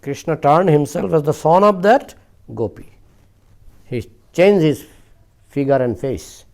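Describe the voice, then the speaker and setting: A man's voice: fairly high pitch, lively intonation, a little slow, a little mellow. A man telling a devotional story, often repeating phrases and adding "you know". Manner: repetitive, with frequent "you know" and "I mean". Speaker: spiritual speaker.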